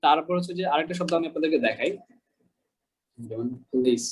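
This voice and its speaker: A man from Bangladesh gives an online pronunciation lesson in a fairly high voice. He repeats example words with patience and keeps checking that his listeners follow. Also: fairly quick, husky, poor audio. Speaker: English pronunciation teacher.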